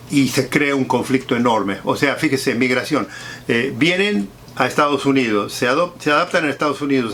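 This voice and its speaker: A man of middle pitch hosts a solo commentary, addressing his viewers formally. His delivery halts often on fillers and restarts, with repeated phrases. A faint hiss sits under the voice. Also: a bit bright. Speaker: host.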